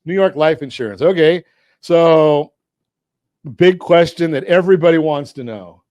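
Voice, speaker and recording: On a finance talk radio show with a sponsor read, a Southern Californian host speaks at a measured pace in a voice on the high side and a little mellow. He's energetic and joking, asking his guests leading questions. The studio mic gives no room sound, but the audio is dull.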